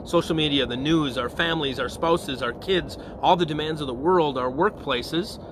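A fairly high-pitched male voice belongs to a parish priest delivering an informal evening prayer reflection at normal speed. Background noise is present, and he talks conversationally, repeatedly checking in with "okay?" and "all right?"

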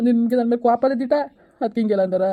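A woman's voice: fairly high pitch, steady tone, very fast, dark tone, lightly acted. A woman playing a lazy village husband who fawns over and pleads with his wife, in a comedy skit. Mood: pleading. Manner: fawning then pleading.

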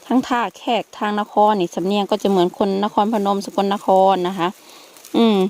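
A woman's voice: mid-range voice, steady tone, moderate pace, darkish tone. A woman from Sakon Nakhon with a local Isan accent, chatting casually to viewers as she explains things while foraging outdoors in a forest. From Sakon Nakhon, northeastern Thailand. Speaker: vlogger. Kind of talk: casual vlog commentary to viewers.

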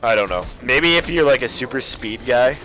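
A man's voice: medium pitch, lively intonation, normal speed. Male gamer, mid-range voice, dry and sarcastic in casual group chat, light game noise. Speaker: gamer in a group play session. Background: video game sounds.

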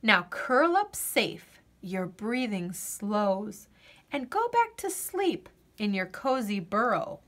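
In a medium-pitched voice, a woman narrates a kids' picture book like a storyteller. She keeps things gentle and expressive and lets dramatic pauses land on purpose.

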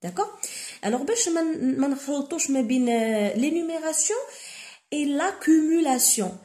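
Moroccan woman tutoring with slow explanations. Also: high-pitched, expressive, mellow, echoey room. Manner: reads lines slowly then explains with many fillers. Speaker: French literature tutor. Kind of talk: code-switching lesson explaining a novel.

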